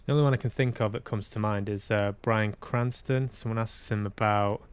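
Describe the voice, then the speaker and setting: A Manchester livestream host speaks briskly in a smooth, fairly low voice with a steady tone. He chats casually while playing games, hesitant and musing aloud to himself.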